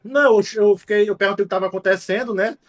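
A man's voice: high voice, fast talker. A man chatting during a gaming stream, telling crude stories full of swearing. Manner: profane, joking storyteller. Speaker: guest streamer. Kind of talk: casual gaming stream chat.

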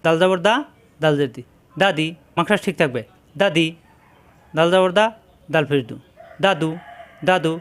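Clear-voiced man drilling Arabic letters. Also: fairly high pitch, moderate pace, long pauses. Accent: Bangladeshi Bengali. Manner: patient drilling, repeating syllables for students to copy. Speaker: Quran reading teacher. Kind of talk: step-by-step pronunciation lesson.

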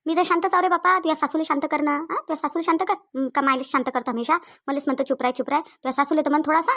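A woman's voice: high voice, steady tone, racing, fairly bright tone, no echo. A woman voicing a stubborn, quarrelsome middle-aged village mother in a cartoon, with a Varhadi Marathi accent, defiant and repeating herself. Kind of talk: cartoon voice acting.

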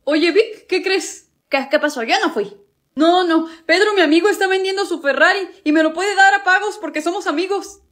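A woman from Cuba who speaks with a Mexican Spanish accent, acting out comedy sketches and switching quickly between sassy family characters. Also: very high-pitched, a bit bright. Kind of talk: comedy sketches playing several family members.

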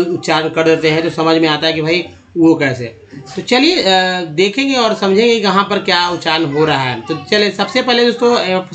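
A man's voice: sits high, a bit bright. A man giving an English pronunciation lesson in Hindi, explaining patiently and often restarting or repeating himself as he addresses viewers as friends. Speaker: English teacher.

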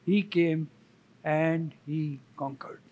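A man, a church elder, preaching a sermon slowly and emphatically, pausing for effect and repeating key words. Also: fairly high pitch, darkish tone, rough recording. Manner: slow, emphatic, with dramatic pauses and repetition.

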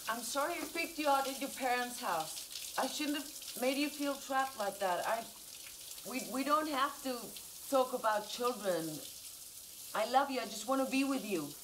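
A woman's voice: high-pitched, moderate pace, noisy background, close to an everyday voice. Actress playing a Spanish woman in a film. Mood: tender. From Spain. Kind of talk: film drama acting.

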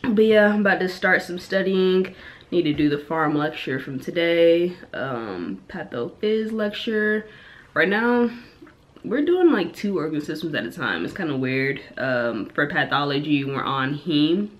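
A woman's voice: low voice, very animated, unhurried. A woman in her twenties, a medical student, chatting casually in a vlog, a bit congested from a cold and full of filler words. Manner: chatty, lots of "like" and "you know" fillers.

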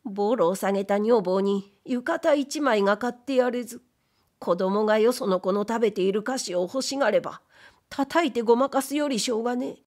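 A woman's voice: fairly high pitch, moderate pace, darkish tone, close to an everyday voice. A woman reading aloud, voicing a humble, timid male ghost who was once a wastepaper dealer, speaking in polite, plaintive old Edo commoner speech. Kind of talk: audiobook reading of period fiction.

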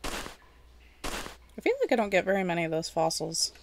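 A woman hosts a gaming video, giving casual, rambling gameplay commentary that is chatty and self-deprecating, and she talks to the game's characters as she plays. Her lowish voice is gravelly, animated, and unhurried, with background noise present.

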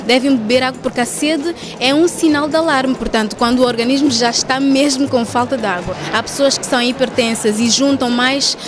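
A woman doctor from São Tomé and Príncipe calmly lists advice for healthy living, her voice a little high. Music plays clearly under the interview. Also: brisk, hardly any pauses. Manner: calm, listing advice.

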